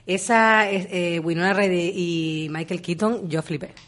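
A woman's voice: fairly low pitch, fairly even intonation, a little slow, a bit bright. A woman, co-hosting a podcast, talking in a chatty way and laughing often. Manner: chatty, laughs often, says ¿sabes? a lot. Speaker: podcast co-host. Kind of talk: casual chat.

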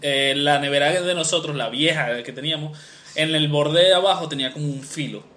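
A man's voice: a little high, fairly quick, pushed and bright. A young man, co-hosting a podcast and telling rambling childhood stories in casual chat. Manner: rambling, many fillers and restarts. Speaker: podcast co-host.

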